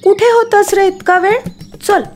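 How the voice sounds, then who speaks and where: A woman voicing a lively little girl who is bold but easily tearful, speaking high and childlike. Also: a little slow. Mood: eager.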